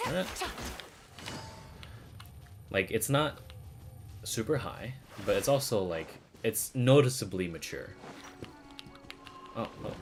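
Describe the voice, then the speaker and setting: A man streaming in a casual, opinionated, sweary style with animated delivery. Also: on the low side, slow, pauses often, over music. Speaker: streamer reviewing game voice dubs.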